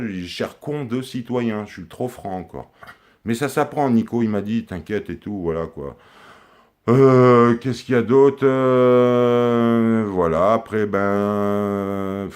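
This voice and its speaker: A man with a very low, deep voice delivers a rambling comic monologue. He drifts from one crude joke to the next in a confiding tone, as if talking to his daughter. The voice is close to a handheld camera. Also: a little mellow. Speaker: comic character sending a video message to his daughter.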